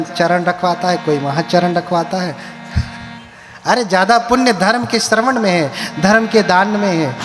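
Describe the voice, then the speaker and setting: Echoing monk preaching in a hall. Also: male voice, high voice. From India. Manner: preacherly, asks the crowd questions, chants verses. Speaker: Buddhist monk giving a katha. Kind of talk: live sermon to a crowd. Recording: live hall with long echo and music.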